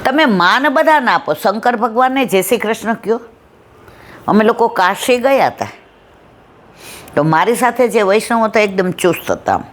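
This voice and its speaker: A woman's voice: medium pitch, lively intonation, moderate pace, pauses often, slight background noise. Middle-aged woman telling a devotional story. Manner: conversational, asks the audience if they follow. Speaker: satsang speaker.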